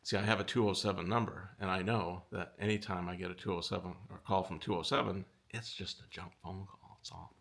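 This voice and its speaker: A middle-aged man hosting a casual commentary video, talking with animated exasperation that pushes his pitch up. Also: a little fast, gravelly, hardly any pauses. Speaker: audio company owner and video host.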